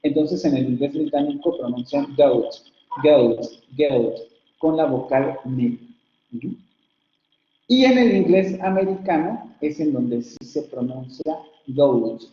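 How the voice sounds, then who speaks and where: A man's voice: a little high, lively intonation, a little slow, mellow. A man from Mexico giving an online university lecture on phonetics, explaining patiently with many fillers and restarts. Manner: explanatory, frequent fillers and self-corrections. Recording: echoey, dull lo-fi online class audio.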